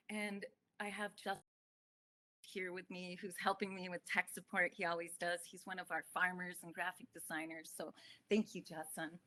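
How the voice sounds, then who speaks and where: A woman's voice: medium pitch, bright, forceful tone. A woman farmer giving a conversational online talk, earnest, with frequent ums. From United States and Ethiopia. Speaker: farmer and speaker. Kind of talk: online summit talk with slides.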